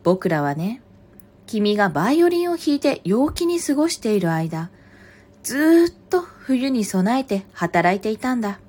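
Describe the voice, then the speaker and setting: A woman's voice: mid-range voice, sing-song, normal speed, a little mellow. Woman voicing smug storybook ants. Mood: lecturing. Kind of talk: picture-book read-aloud.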